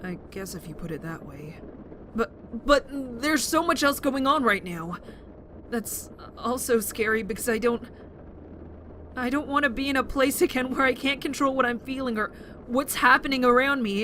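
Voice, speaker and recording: In a fan-made audio drama, a woman with a high, bright, forceful voice plays a teenage boy who is nervous yet wry and friendly, hesitating and stammering anxiously at normal speed. Noisy ambience sits behind her voice.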